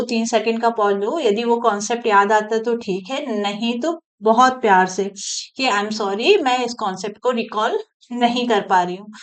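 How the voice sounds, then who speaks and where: A woman's voice: fairly high pitch, low-quality recording. A woman teaching in a conversational coaching-lecture style, often adding tag questions to check in with her students.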